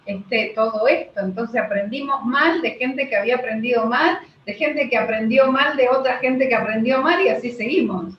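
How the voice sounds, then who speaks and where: A woman in her fifties hosts an interview and tells a story from her own life in a relaxed, conversational way. Her voice sits fairly high. She sounds far from the mic, with an echoey, dull, slightly noisy call-like quality. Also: normal speed, few pauses. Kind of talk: casual interview chat.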